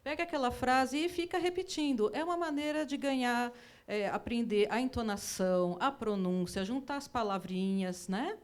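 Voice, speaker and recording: A woman's voice: on the high side, moderate pace. A woman, an English teacher guest on a TV talk show, explaining patiently and often checking with "né?". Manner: explanatory, often adds tag "né?".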